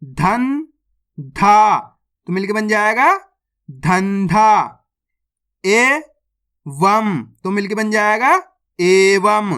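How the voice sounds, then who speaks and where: A reading teacher who sounds out words syllable by syllable, then says each whole, and checks with viewers that it is clear. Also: mid-range voice, animated, drawn-out words, long pauses, fairly bright tone. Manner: addresses viewers as friends, asks if it is clear. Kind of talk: slow word-by-word reading lesson.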